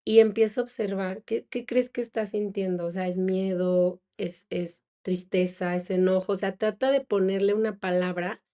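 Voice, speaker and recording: A woman's voice: mid-range voice, steady tone, moderate pace, hardly any pauses, dark tone. A woman, a psychologist hosting a podcast, talking conversationally and reflectively with small laughs and fillers. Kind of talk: casual monologue on parenting.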